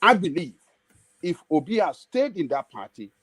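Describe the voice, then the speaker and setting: A man's voice: a little high, sing-song, normal speed, fairly bright tone, breathy edge, no room sound. A man with a Nigerian Yoruba accent giving emphatic political commentary in short, repeated phrases. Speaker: political analyst on a livestream panel.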